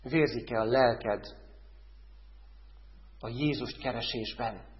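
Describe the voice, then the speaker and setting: Man preaching, swinging between loud and hushed. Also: mid-range voice. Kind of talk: sermon. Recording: dull sound with a long hall echo.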